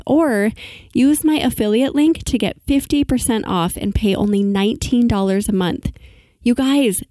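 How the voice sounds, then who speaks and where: A woman's voice: medium pitch, mellow, no room sound. A woman hosting a podcast, upbeat and enthusiastic, reading ads and interviewing a guest. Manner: upbeat, enthusiastic, slows down for web addresses. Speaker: podcast host.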